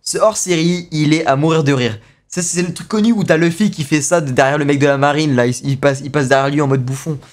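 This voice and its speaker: A young man streaming live and reacting to a video. He talks excitedly, with lots of slang and repeated exclamations. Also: a little high, brisk.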